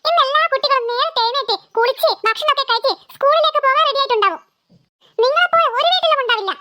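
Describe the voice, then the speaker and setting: A harried cartoon mother, very high and bright, firing off quick complaints at her quarrelling kids. Her scolding tone stays at the fore. It is recorded close and dry. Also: dry recording. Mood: exasperated. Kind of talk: cartoon voice acting.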